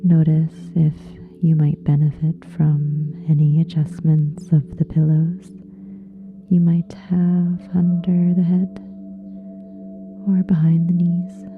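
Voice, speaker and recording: A yoga nidra guide leads a relaxation meditation, her deep voice a soft, breathy, soothing hush. She speaks very evenly and slowly, leaving long pauses between short phrases, over gentle meditation music with singing bowls, and the sound is slightly dull and muffled.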